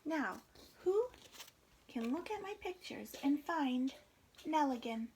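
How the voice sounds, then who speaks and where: A woman teacher reading a picture book aloud to children in an online class. She talks in an animated, coaxing way and asks questions. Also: sits high, slow pace, a little hiss or hum. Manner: animated, coaxing, stops to scold gently. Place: home room. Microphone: computer for an online class.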